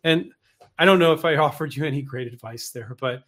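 A man's voice: fairly high pitch, brisk, fairly bright tone. A man coaching inventors in a casual, frank talk, speaking bluntly with mild swearing and many restarts and asides.

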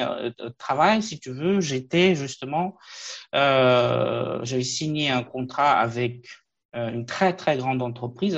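A man in his late thirties from Afghanistan, a guest in a conversational interview, talking haltingly with many fillers and restarts. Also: mid-range voice, lo-fi sound. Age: late 30s.

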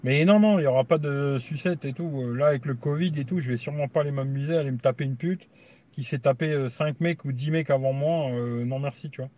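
A man's voice: medium pitch, fairly quick, warm tone. A man hosting a tech channel, chatting casually and crudely on a live stream, rambling and tagging nearly every phrase with a filler. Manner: crude, rambling, says "tu vois" constantly. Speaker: YouTube tech channel host.

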